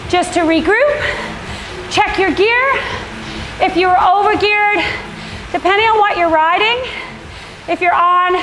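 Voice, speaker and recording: Against a noisy background, a woman with an extremely high voice instructs an indoor cycling class. Her cues and countdowns are encouraging and projected, heard in an echoey room with workout music playing.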